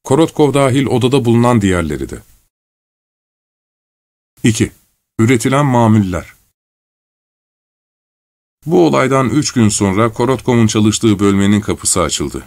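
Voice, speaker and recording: A man narrating a literary short story in a measured, even storytelling manner. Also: mid-range voice, no room sound. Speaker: audiobook narrator.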